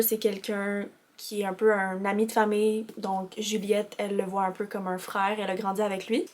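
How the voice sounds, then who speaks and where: A woman's voice: mid-range voice, a little mellow. A young woman with a Québécois French accent, chatting candidly about books in a casual vlog voice-over while coming down with a sore throat. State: starting a sore throat and a cold. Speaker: book vlogger.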